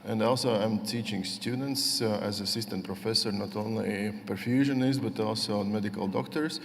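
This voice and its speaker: A middle-aged man from Latvia giving a conference lecture, speaking haltingly with many fillers and restarts. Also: on the low side, vocal fry, a little hiss or hum. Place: large conference hall. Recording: long hall reverb.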